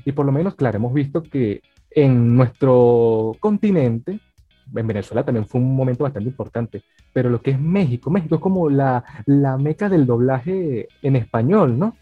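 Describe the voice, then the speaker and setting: Husky man hosting an interview. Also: mid-range voice, expressive, normal speed, no echo. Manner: rambling, filler-heavy questions. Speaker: interview host. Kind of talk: casual interview talk. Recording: dry dull sound, faint music.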